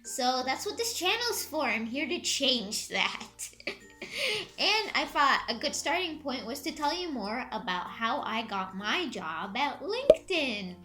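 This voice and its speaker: Upbeat woman vlogger in her twenties, fairly high voice, casual storytelling. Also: sing-song, a little slow. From Egypt. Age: 20s. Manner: chatty, upbeat, laughs often. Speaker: YouTuber. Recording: music faintly behind.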